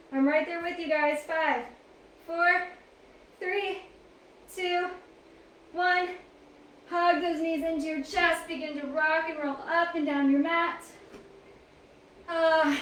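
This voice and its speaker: A woman teaching a yoga class, giving calm, encouraging cues and counting poses aloud, a little out of breath. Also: high voice. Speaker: yoga instructor. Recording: echoey room, mic at a distance, faint noise.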